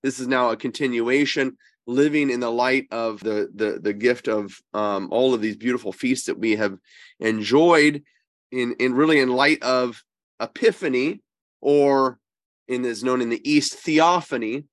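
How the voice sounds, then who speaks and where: A man who is a priest, slightly wheezy and congested with a cold, giving conversational religious teaching in an emphatic, halting way. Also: medium pitch, no echo, studio quality. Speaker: priest and co-host.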